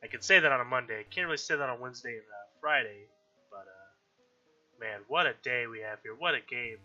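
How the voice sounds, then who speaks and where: This let's-play host talks fast in a mid-range voice with a sharp edge, sounding stuffed up from allergies and slightly nasal. He chats casually about the game, frequently backtracking to fix his words and clearing his throat. Faint background music sits under a dull, lo-fi recording.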